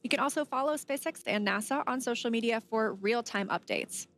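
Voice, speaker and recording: A woman's voice: a little high, fairly quick, a bit bright. A woman co-hosting a live space webcast with polished announcer delivery. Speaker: space agency broadcast co-host.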